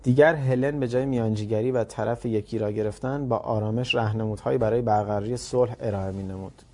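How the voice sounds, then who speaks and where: A man's voice: fairly low pitch, steady tone, dark tone, a little hiss or hum. A man teaching parents, reading passages from a book aloud and then explaining them in a conversational way, acting out parents' and children's lines as he goes.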